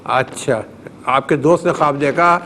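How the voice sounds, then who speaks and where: A man's voice: fairly high pitch, a bit bright, slight background noise. A man hosting a live call-in TV show, politely greeting callers and repeating their words back to them.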